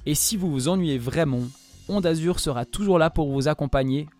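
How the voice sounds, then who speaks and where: A man's voice: fairly high pitch, fairly quick, darkish tone. Brief: male columnist, joking scripted read, faint music under. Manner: wry, jokey delivery. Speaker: student radio columnist.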